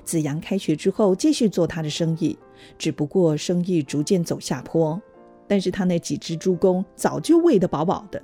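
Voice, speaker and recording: Brief: woman narrator for a kids' audio story, low mellow husky voice. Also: moderate pace, soft background music. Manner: gentle, even storytelling.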